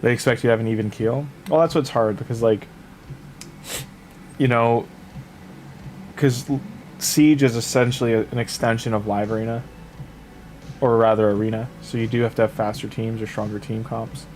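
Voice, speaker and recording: With a medium-pitched voice at a normal speed, a man chats with his stream viewers late at night while gaming, pausing often. He gives easygoing advice in a rambling, filler-heavy way and sounds sniffly as he recovers from a cold. Slight background noise is present.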